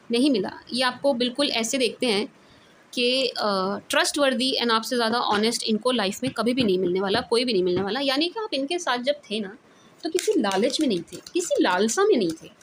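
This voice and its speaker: Chatty, high-voiced woman reading tarot. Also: slight background noise. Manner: emphatic, repeats phrases, laughs often; mixes Hindi with English. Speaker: tarot reader. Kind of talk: casual tarot reading to camera. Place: away from her usual recording spot.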